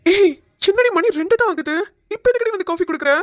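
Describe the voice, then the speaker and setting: A woman's voice: very high voice, expressive, quick pace, no echo, studio quality. A woman voicing a sleepy, easily scared young husband in a cartoon, whiny and stammering when frightened. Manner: whiny, teasing banter. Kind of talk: cartoon voice acting.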